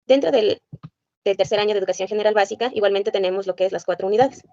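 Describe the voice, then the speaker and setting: A woman's voice: medium pitch, racing, dark tone, highs cut off. A woman reads a curriculum list aloud, spelling out letters and sounds one by one. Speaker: presenter.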